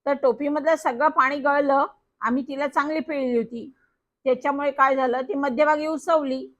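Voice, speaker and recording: High woman storyteller, lively first-person kids' story, dull lo-fi sound. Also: moderate pace. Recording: dull lo-fi recording.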